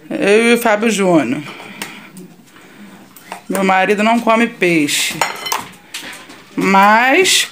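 A Brazilian woman hosting a casual cooking vlog in her home kitchen, chatting warmly with her viewers as she cooks. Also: fairly high pitch. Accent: Brazilian Portuguese. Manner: affectionate, chatty, addresses viewers as "minha gente". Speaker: vlogger. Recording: noisy home kitchen audio. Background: frying and sizzling in the kitchen.

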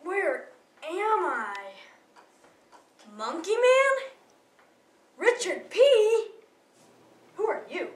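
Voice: very high-pitched, sing-song, very slow, pauses often, fairly bright tone, full character voice. A young performer playing a bewildered, exasperated captive in an amateur horror parody, recorded in a garage. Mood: confused. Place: home garage. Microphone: distant camera. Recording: roomy, distant camera mic, faint noise.

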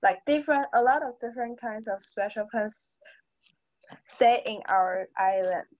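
Hesitant teen girl, slow muffled video call. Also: on the high side, a little mellow, no echo. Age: teens. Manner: hesitant, searching for words, many "like"s. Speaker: high school student. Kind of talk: class discussion in English. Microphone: computer mic on a video call.

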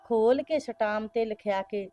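Village mom, played by a woman, nagging and pleading, kinda high voice. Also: a little slow, mellow, lightly acted. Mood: coaxing. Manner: coaxing, repeating "son" often. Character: older village mother, coaxing son, quarrelsome with daughter-in-law. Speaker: actor in a short film. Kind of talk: village drama acting.

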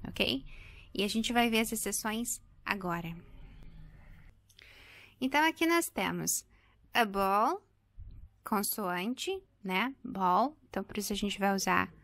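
A woman's voice: a little high, fairly bright tone. A woman, explaining an English grammar lesson and repeating example words patiently for her students. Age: 30s. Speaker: English teacher.

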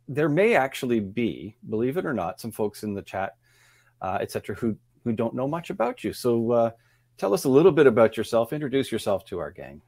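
Lively, playful male host. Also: medium pitch. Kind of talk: casual chat.

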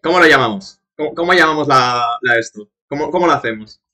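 A man's voice: a little high, lively intonation, quick pace, pushed and bright. A young man with a Spain Spanish accent streaming a game, chatting casually and cursing as he talks to his chat. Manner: chatty, profane, laughing asides to chat. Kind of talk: casual live-stream commentary.

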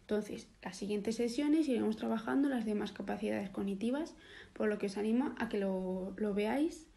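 A woman's voice: mid-range voice, normal speed, vocal fry, warm tone. A young woman teaching a recorded online lesson, explaining step by step with restarts and fillers.

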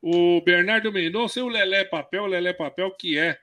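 Excitable man hosting a live stream. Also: sits high, brisk, dry recording. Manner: excited, reads viewer comments and hypes the lineup. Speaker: host. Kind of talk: casual live-stream chat. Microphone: video call. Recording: crowd noise behind the voice.

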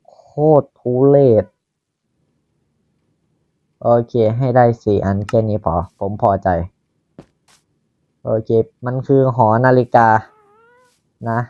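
A man's voice: mid-range voice, warm tone, no echo, highs cut off. A Thai man casually commenting on his own Minecraft building, chatting to himself as he works. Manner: slow, chatty, talking to himself while building. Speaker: Minecraft YouTuber.

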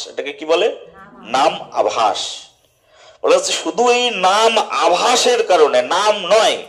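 Guy preaching a sermon, kinda high voice, keeps asking the crowd questions then answering them himself. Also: fairly bright tone. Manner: asks the listeners questions and answers them himself, stretching key words. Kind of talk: devotional sermon.

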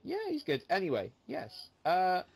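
A man's voice: sits high, wildly swooping pitch, a little slow, creaky, a crowd in the background. A brash man trading profane, mock-aggressive banter with other players over game voice chat.

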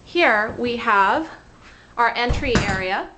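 A woman in her thirties with a bright, slightly high voice walks a camera through an empty condo, cheerfully pointing out features room by room. She sounds like an agent showing a rental, picked up by the handheld camera's own mic, with faint hiss underneath. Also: lively intonation, slow pace. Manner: upbeat, pointing things out room by room. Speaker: real estate agent. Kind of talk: walkthrough narration of a rental tour. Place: outdoors at a front door, then walking through an empty condo.

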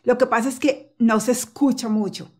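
A woman teaching English pronunciation to camera in a casual lesson, repeating example phrases slowly and patiently and reassuring the learner. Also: on the high side, fairly even intonation, darkish tone. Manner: reassuring and encouraging.

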